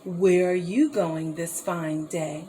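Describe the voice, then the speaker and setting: A woman voicing a sly, falsely friendly male wolf in a slow, low, coaxing voice for a storybook. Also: fairly even intonation, mellow, a little hiss or hum.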